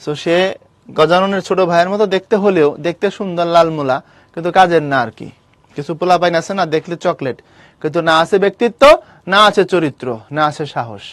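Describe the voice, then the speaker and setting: A man leads a lesson, a little higher-pitched than most men. He talks to his students directly, in a lively way that teases and scolds them. The recording is dry, with no room sound. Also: brisk, dry recording. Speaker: teacher. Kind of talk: online class lecture on a literature text.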